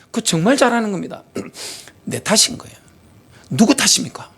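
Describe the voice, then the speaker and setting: A man's voice: high voice, very animated, normal speed, fairly bright tone, husky. A middle-aged man, a pastor, preaching a sermon animatedly with many rhetorical questions. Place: church sanctuary.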